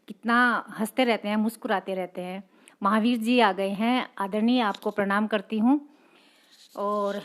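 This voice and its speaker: A woman poet hosting her own live reading, greeting viewers one by one and reading out their comments in a polite, respectful manner. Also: mid-range voice.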